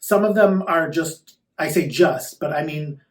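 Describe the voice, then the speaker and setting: A man's voice: fairly high pitch, unhurried. A man talking casually in an interview as a sassy, campy drag queen. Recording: roomy echo, distant microphone.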